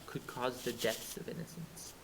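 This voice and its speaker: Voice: medium pitch, normal speed, noisy background. A player speaking formally and earnestly in character during a tabletop game. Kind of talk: in-character tabletop role-play.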